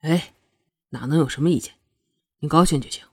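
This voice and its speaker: A woman voicing a low, troubled young prince. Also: brisk, darkish tone, breathy edge, dry recording, studio quality. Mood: placating. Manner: low, subdued murmur, sometimes irritated. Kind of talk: audiobook character voicing.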